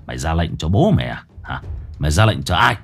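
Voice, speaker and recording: Man playing a cold young exorcist, low voice, menacing, storybook ghost hunter. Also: sing-song, normal speed, a little mellow, faint music behind, exaggerated voice.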